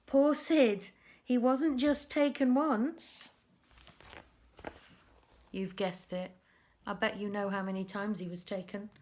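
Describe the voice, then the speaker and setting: Her pitch is medium as she reads a picture book to young kids. She stresses words with deliberate expression and chats about the pictures along the way.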